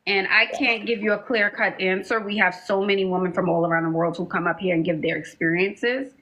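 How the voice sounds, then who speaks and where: A woman hosting a live call-in coaching show, talking in a sassy, animated, joking way. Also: mid-range voice, brisk. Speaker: host, life coach.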